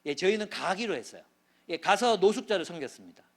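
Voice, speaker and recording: Lively middle-aged preacher telling stories. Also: male voice, sits high, fast talker. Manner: animated storytelling, voice swells and drops sharply. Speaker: pastor, guest speaker. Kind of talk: sermon with storytelling.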